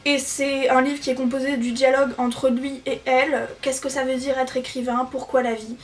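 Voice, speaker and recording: Young female book vlogger, high bright voice, eager and chatty, mic a bit distant. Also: little pitch movement, moderate pace. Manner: chatty and enthusiastic, with frequent fillers. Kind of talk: casual book recommendations. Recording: voice a little off-mic, faint music behind.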